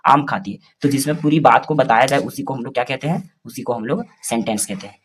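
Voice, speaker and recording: A man's voice: mid-range voice, expressive, slight background noise. Man teaching in question-and-answer style. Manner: repeats questions to the class and answers them himself; spells words slowly letter by letter. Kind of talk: explaining English grammar basics in Hindi.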